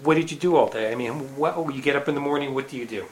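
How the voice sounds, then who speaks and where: A man's voice: mid-range voice, quick pace, rough recording. A man interviewing a guest, asking short, direct questions.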